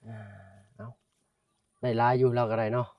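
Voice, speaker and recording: Completely flat in delivery, a mid-range male voice at a moderate pace narrates an outdoor vlog in a village, carrying a northeastern Thai Isan accent. The recording is dry and muffled, with the speaker far from the mic. He chats with locals and addresses his viewers as brothers and sisters.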